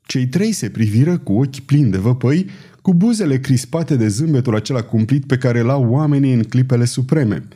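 A man narrates a historical novel with expressive, dramatic storytelling. His voice is mellow and warm, and it rises and falls in lively swings. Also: mid-range voice, husky. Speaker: audiobook narrator.

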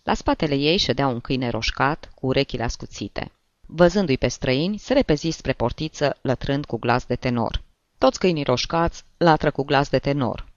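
A man's voice: mid-range voice, animated, no echo, muffled recording. Man reading a story expressively. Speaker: narrator. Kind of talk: audiobook reading.

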